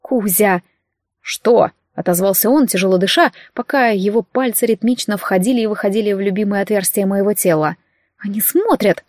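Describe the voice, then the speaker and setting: A woman reading a first-person novel aloud at a steady pace. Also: mid-range voice, quick pace, few pauses, no echo, studio quality. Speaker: audiobook reader.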